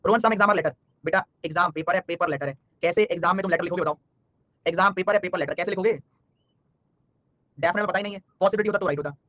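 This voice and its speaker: A man teaches a live online class at a rapid clip, his voice sitting high and bright. He teases and scolds students by name between problems. The sound is dry and a little dull, with no room around it. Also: no echo. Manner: fast, scolding-jokey teacher talk, addresses students by name. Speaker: online exam-prep teacher.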